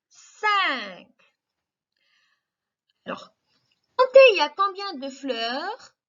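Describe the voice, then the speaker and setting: A woman kindergarten teacher giving a remote lesson to small children, speaking slowly and clearly, repeating and spelling out sounds and praising often. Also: sits high, pushed and bright, lo-fi sound.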